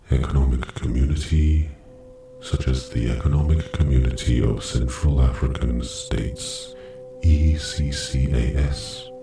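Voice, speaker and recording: A man giving slow, measured scripted narration for a meditation, reading evenly with long pauses. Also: rumbling low, vocal fry. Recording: echoey, distant voice over music. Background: music, singing bowl.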